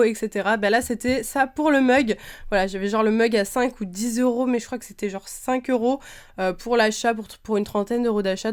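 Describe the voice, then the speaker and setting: A woman's voice: a little high, smooth. A young woman from France chatting casually in a vlog, gushing over her collection with lots of fillers and slang. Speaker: YouTuber showing her collection. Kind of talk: casual show-and-tell vlog.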